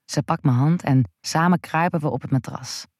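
A woman narrating an erotic first-person story in a breathy, hushed, intimate voice that drifts into whispers. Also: low voice, moderate pace, dry recording, studio quality.

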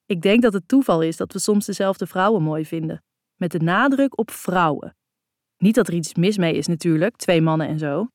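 A woman's voice: fairly low pitch, normal speed, darkish tone, no echo, studio quality, close to an everyday voice. A woman reading the lines of an easygoing, playful young man in a light, teasing manner. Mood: breezy.

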